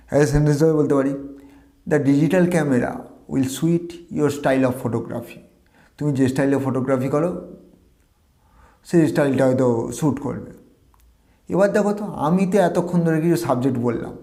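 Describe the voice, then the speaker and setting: Male tutor, Bengali native, fairly high yet mellow voice, teacherly drills and questions. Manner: drills words syllable by syllable, asks viewers questions. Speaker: English pronunciation tutor. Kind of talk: teaching lesson to viewers.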